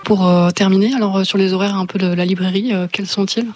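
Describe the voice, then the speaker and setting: An interviewer puts short questions to the guest. The voice moves quickly and stays very flat in pitch. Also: soft background music.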